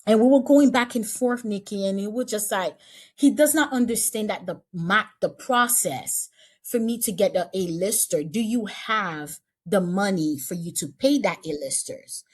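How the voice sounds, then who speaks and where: A woman's voice: mid-range voice, normal speed, a little mellow. Woman, casting director, casual interview talk, repeats herself, restarts phrases.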